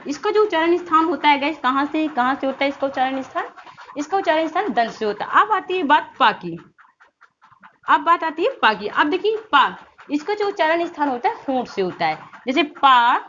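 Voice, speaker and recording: Woman teacher, high voice, sounds out syllables in drills, lo-fi sound. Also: fairly bright tone. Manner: repeats questions and answers them herself, drills sounds aloud. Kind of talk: online grammar lesson for exam students. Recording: slightly dull lo-fi sound with faint noise.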